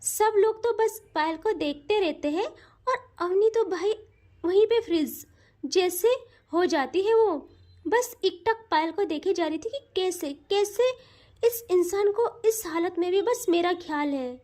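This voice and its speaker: Very high-voiced woman telling a story. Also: a little slow. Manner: chatty, expressive. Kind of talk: casual story narration.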